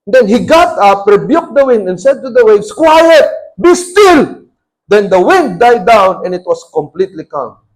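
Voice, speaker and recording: A man's voice: high-pitched, animated, normal speed. A man with a Filipino accent preaching a sermon as pastor, mixing Tagalog and English and acting out quoted lines with a raised voice.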